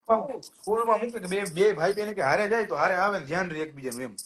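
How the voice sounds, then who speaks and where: A man's voice: sits high, quick pace, husky. A man, telling childhood stories in casual chat and acting out other people's lines. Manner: lively anecdotes, acts out classmates' lines. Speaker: podcast co-host.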